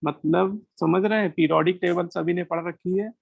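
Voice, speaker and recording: A man's voice: high voice, steady tone, moderate pace, vocal fry, dry recording, muffled recording. A man with an Indian accent teaches a chemistry class to students, asking questions and answering them himself, switching between Hindi and English. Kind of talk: classroom lecture.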